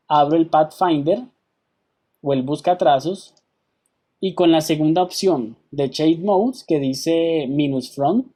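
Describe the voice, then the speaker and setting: A man teaching an online software class. He patiently explains each step and keeps checking in with his students over a video call. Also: on the high side.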